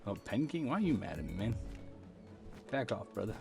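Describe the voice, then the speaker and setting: A man's voice: fairly low pitch, big pitch swings, fairly quick, creaky. A man hosting a gaming channel, giving casual, rambling gameplay commentary with lots of ums. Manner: chatty, rambling with many ums. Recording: game music underneath. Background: game music.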